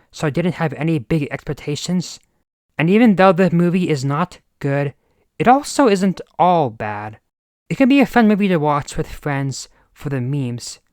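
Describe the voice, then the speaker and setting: A man's voice: fairly high pitch, animated, normal speed, darkish tone, no room sound. Twenties male reviewer, exasperated ranting delivery, dry sound. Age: 20s. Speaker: movie reviewer. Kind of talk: scripted review commentary.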